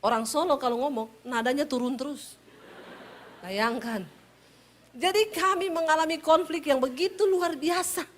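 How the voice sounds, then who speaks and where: A middle-aged woman pastor from Sulawesi with a Sulawesi Indonesian accent, preaching a humorous sermon in a punchy, teasing storytelling manner. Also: high-pitched.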